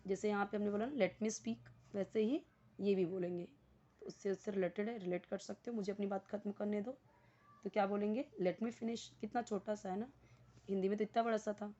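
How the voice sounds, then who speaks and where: Casting: Indian woman, English tutor, patient, drills phrases slowly, slightly dull recording. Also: medium pitch, fairly even intonation, dark tone. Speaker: English teacher. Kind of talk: spoken English lesson in Hindi.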